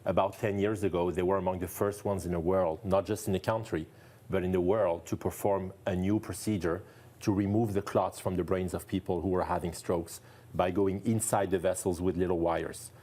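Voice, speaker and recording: Appearing as a guest doctor in a TV studio, a neurologist from France talks in English with a French accent. His voice is deep, mellow and steady at a moderate pace, and he repeats phrases to stress them, earnest and enthusiastic throughout.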